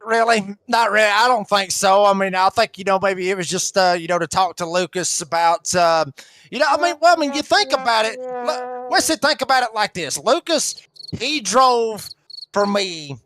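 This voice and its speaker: A man's voice: high-pitched, normal speed, fairly bright tone. A man announcing sim races, rambling and folksy, with lots of fillers. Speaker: racing league announcer. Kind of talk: casual race broadcast banter.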